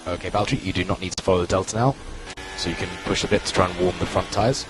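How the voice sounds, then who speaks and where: A man working as a race engineer on team radio, giving calm, clipped spotter-style instructions and repeating key calls. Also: deep voice, racing. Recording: radio transmission with loud music behind.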